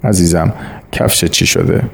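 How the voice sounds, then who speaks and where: A man's voice: deep voice, fairly even intonation, vocal fry. A man reading the lines of a secretive, curt teenage son in an audiobook reading. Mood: evasive.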